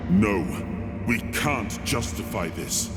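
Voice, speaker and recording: An actor playing a weary, resolute king in a video game, speaking gravely and deliberately. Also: fairly low pitch, animated. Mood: firm, reproachful. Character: weary, resolute king burdened by costly war. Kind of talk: dramatic video game acting. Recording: echoey hall, music behind.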